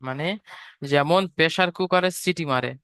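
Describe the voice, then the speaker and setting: A man's voice: on the high side, normal speed, fairly bright tone, smooth, no room sound. A man teaching Quran letter sounds patiently, repeating each point and drawing out every sound. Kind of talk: step-by-step online lesson.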